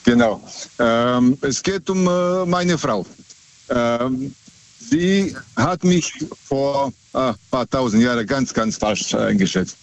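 A man's voice: mid-range voice, expressive, no room sound. Middle-aged male caller heard over the phone, hesitant, from Serbia; dull, dry line. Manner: hesitant, halting with many filler sounds. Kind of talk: casual chat.

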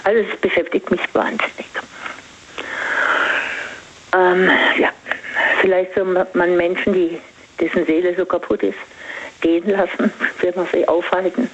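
An older woman calling in, confiding personal matters in halting phrases with pauses. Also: lowish voice, little pitch movement, breathy edge. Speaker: caller. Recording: dull phone line.

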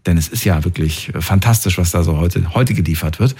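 Ein Mann Ende dreißig aus Thüringen moderiert eine Anrufsendung im Radio und plaudert locker mit Füllwörtern. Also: male voice, sits low, fairly quick, a little mellow, slightly rough. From Thuringia, Germany. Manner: chatty, reminiscing, with fillers. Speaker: radio call-in host. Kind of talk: radio call-in show.

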